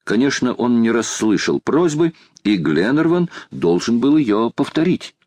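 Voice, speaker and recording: A man narrating an audiobook in a measured, even storytelling manner. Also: mid-range voice, dry recording. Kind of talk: scripted narration.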